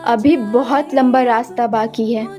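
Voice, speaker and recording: A woman's voice: fairly high pitch, steady tone, measured pace, dark tone, soft background music, pitched below the performer's own voice, close to an everyday voice. A woman voicing a loving, worried middle-aged mother in a cartoon story, speaking in a soothing, tender way.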